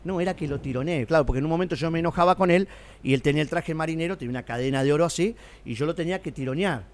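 Fast-talking Argentine man telling stories. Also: fairly high pitch. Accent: Argentine Spanish. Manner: animated, rapid storytelling. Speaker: circus owner and former announcer. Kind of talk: casual storytelling interview.

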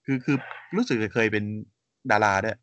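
A man's voice: fairly low pitch, animated, normal speed, a bit bright, dry recording. A man co-hosting a casual podcast chat, reading out facts steadily with frequent hesitant fillers and polite sentence endings. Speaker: podcast co-host. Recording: slightly dull muffled audio.

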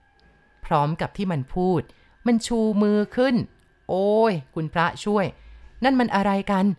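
A woman narrating a ghost story in a slow, deliberate storytelling manner. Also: mid-range voice, lively intonation, darkish tone, clear, resonant tone. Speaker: audiobook reader.

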